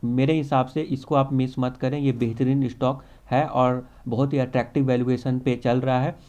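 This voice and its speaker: A man's voice: mid-range voice, flat delivery, moderate pace, a little mellow. A man, casually talking through stock picks as a channel host, confident and mixing in English terms. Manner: confident, repeats stock phrases, mixes English terms into Hindi.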